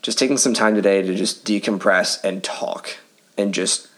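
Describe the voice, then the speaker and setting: A man co-hosting a podcast in relaxed, casual chat. His voice sits fairly low, and he talks fast and laughs easily. He is recorded in a cozy living room full of pillows. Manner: fast-talking, laughs often. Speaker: podcast co-host.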